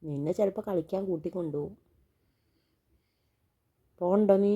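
A woman chatting gently with a small child at home, coaxing and reassuring in a calm, patient way. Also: fairly low pitch, normal speed, breathy edge. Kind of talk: casual chat with a small child.

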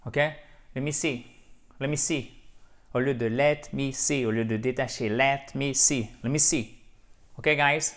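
Guy teaching english slang on video, repeats phrases a lot, normal pitch. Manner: explanatory, repeats example phrases, lively asides. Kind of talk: video lesson at a whiteboard.

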